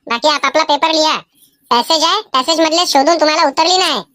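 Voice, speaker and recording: A very high, bright, sharp-toned cartoon schoolteacher, with a Vidarbha Marathi accent. She scolds and lectures at a rapid clip, bossy and stern. Faint music plays underneath. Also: a little hiss or hum. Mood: stern scolding. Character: strict female schoolteacher supervising an exam. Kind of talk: animated cartoon voice acting.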